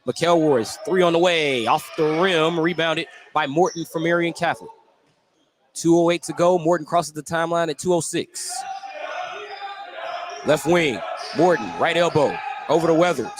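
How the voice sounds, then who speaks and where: This man's voice sits on the high side and moves at a normal speed. Courtside in a school gym, he calls a basketball game live on radio, describing every move in clipped, detailed phrases. The broadcast is noisy, as live gym recordings tend to be.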